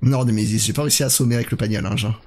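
A man's voice: mid-range voice, steady tone, very fast, darkish tone. A man doing casual live commentary on a horror game while chatting with his viewers.

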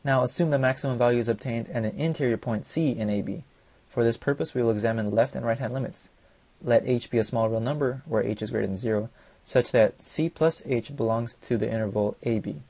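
A young male student reads a class presentation aloud from notes, going fast and now and then stumbling and restarting with small slips. His mid-range voice is dark and a little husky, recorded dry and close to the mic with no room sound.

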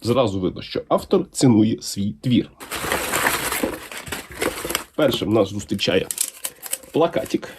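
Over background noise, a man with a lowish voice shows off a comics unboxing for his channel. He chats casually, keeps an unhurried pace, and his enthusiasm comes through in animated intonation.

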